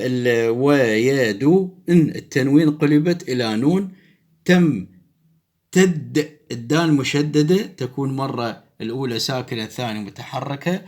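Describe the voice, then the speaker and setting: A middle-aged man, a professor giving a lecture on poetic meter who chants the beats of syllables aloud. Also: medium pitch.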